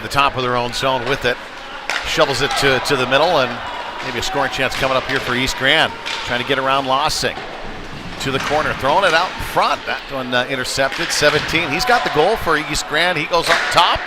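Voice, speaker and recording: Calling a youth hockey game live from inside the rink, this commentator speaks fairly quickly at medium pitch, with a folksy, home-team slant. Loud rink noise and puck slams come through clearly.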